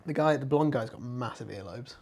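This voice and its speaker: A young man in his twenties, co-hosting a casual watch-along stream, chatty and quick to laugh, with some swearing. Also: medium pitch, darkish tone. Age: 20s. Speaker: stream co-host.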